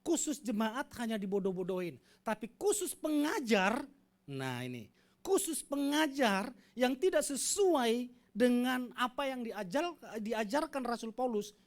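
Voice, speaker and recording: A man's voice: very high-pitched, very animated, a little slow. Emphatic, conversational preacher, a man. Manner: conversational, emphatic preaching, leading the congregation in reading. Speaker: pastor. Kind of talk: sermon. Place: church service with congregation.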